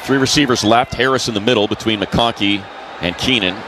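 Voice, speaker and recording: A stadium crowd rumbles behind a man speaking fairly quickly in a lowish voice. He delivers live American football play-by-play for radio in clipped, descriptive phrases.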